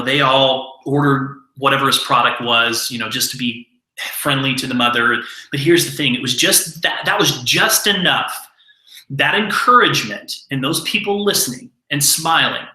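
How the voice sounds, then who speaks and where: A man's voice: mid-range voice, pushed and bright. A man mentoring his team by telling an earnest motivational story. He repeats words when stressing a point. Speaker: mentor giving a training. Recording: echoey room.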